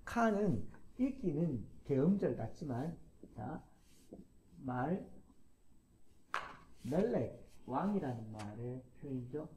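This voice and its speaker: A man lecturing to a class, explaining step by step, repeating key terms and pausing with fillers. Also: medium pitch, sing-song, warm tone, slight background noise.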